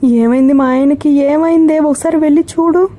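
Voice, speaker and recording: A woman's voice: on the high side, level tone, normal speed, natural voice. A woman voicing a suspicious, commanding wealthy wife who grows frantic. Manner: sharp, commanding, then frantic. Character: anxious suspicious wealthy wife, middle-aged.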